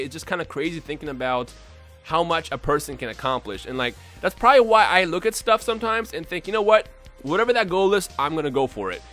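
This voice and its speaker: A young man from Bosnia, a YouTuber talking unscripted to his viewers in an excitable, rambling way with lots of restarts. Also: on the high side. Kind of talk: unscripted casual vlog talk.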